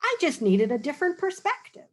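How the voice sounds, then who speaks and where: A woman reads a picture book aloud to children, then patiently explains drawing tips, checking in with them often. Her voice is high and brisk, with big swings in pitch.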